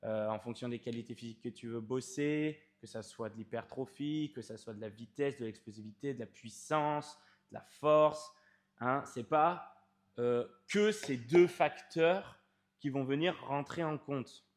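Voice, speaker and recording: Slow, emphatic fitness coach. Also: male voice, mid-range voice. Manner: emphatic, addresses the viewer informally, stretches key words. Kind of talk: explaining training to camera.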